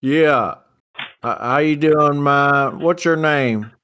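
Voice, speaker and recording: A man putting on a loud twangy farmer. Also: fairly high pitch, takes it slowly, slight background noise, voice pushed up. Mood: folksy. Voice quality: country twang. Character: twangy male farmer on a prank call.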